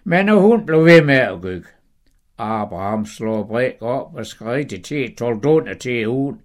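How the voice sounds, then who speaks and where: Old guy telling a bible story folksy style, voice jumps all over, mid pitch. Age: older. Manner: lively, drops his voice on asides.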